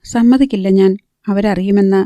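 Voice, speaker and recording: A woman's voice: mid-range voice, normal speed, warm tone, no echo, close to an everyday voice. A woman reading the part of an anxious, practical young woman who pleads earnestly and keeps her voice down. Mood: pleading.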